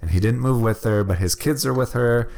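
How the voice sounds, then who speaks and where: A man's voice: mid-range voice, brisk, creaky, a little mellow. A man co-hosting a casual movie chat, rambling and enthusiastic, laughing often. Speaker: podcast co-host.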